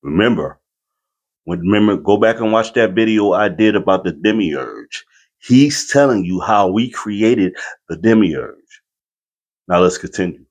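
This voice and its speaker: A man's voice: fairly low pitch, expressive, unhurried. A man hosting a reaction video, giving casual spiritual commentary and explaining things familiarly to his viewers.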